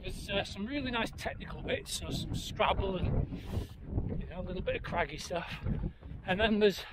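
Middle-aged male running vlogger, high-pitched voice, chatting while jogging outdoors, loud wind noise throughout. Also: normal speed. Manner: talking while jogging over rough mountain paths. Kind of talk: casual running commentary to camera. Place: outdoors on a windy open mountainside. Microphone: handheld camera at arm's length.

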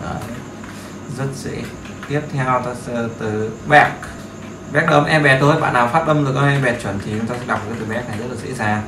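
A man gives a relaxed beginner lesson, repeating words and phrases and asking his students to agree. His voice sits at an ordinary pitch. The room is echoey, with a faint hum of background noise. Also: a little fast. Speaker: English teacher. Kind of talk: casual screen-share lesson.

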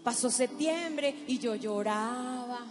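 A woman, preaching a testimony to a youth gathering. She speaks emphatically, directs the crowd and slows down for dramatic effect. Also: a little high. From Paraguay. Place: large hall with live audience. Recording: reverberant hall with background music.

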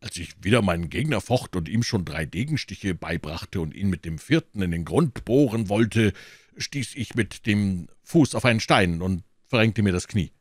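Bragging storybook musketeer, deep and grand, done by a man reading aloud. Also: expressive, moderate pace, no echo, studio quality. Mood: blustering. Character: boastful, pleasure-loving male musketeer, bedridden.

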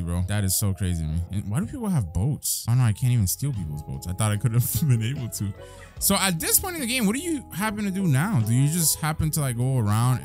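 A man's voice: mid-range voice, a little mellow. A young adult man giving casual gameplay commentary, chatty and laughing often. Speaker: gaming creator.

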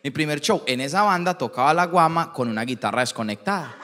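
A young Colombian man telling a comic story, animated, acting out voices and laughing a lot. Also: a little high, in a large hall. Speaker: comedian host.

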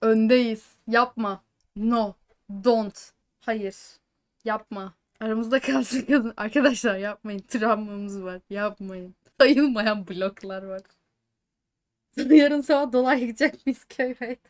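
A woman streamer chatting live to her viewers while watching a match, with excitable reactions and joking asides that mix in English words. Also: on the high side, slow. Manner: excitable, swings between joking chatter and anxious outbursts.

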